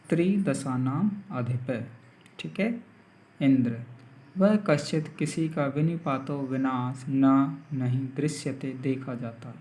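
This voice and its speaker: Slow, patient male teacher, echoey room. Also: mid-range voice, darkish tone. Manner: slow, repeats words and meanings for students. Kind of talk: Sanskrit lesson, line-by-line translation.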